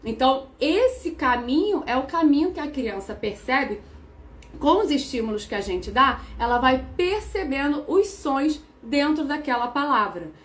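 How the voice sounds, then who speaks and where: Brazilian woman teacher, young adult, slightly high pitch, methodical and repetitive in her explanations. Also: expressive, unhurried. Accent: Brazilian Portuguese. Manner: patient, methodical, repeats key terms.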